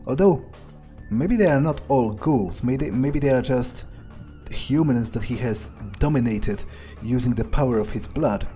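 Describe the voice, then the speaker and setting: A gaming video creator voices in-character commentary in an animated, mid-range voice with a dark tone, at a measured pace, over soft background music. He thinks aloud hesitantly and sardonically, musing and swearing casually.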